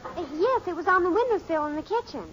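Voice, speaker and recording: A woman's voice: very high voice, expressive, fast, fairly bright tone. An actress playing a dramatic, boy-smitten teenage daughter in a 1950s radio sitcom. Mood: anxious. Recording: muffled, noisy old 1950s radio recording.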